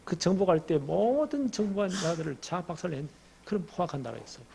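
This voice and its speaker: A man's voice: high voice, lively intonation, fast talker, vocal fry, a little mellow, a little hiss or hum. A middle-aged male pastor preaching an expository sermon, telling the story vividly and asking the congregation questions.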